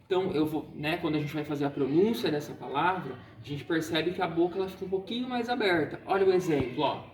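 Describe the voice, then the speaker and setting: A man's voice: fairly high pitch, expressive, quick pace, distant mic, a little hiss or hum. Male teacher in an echoey room. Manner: patient, explanatory, frequent check-ins like "certo?" and "tá?". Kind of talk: recorded online lesson.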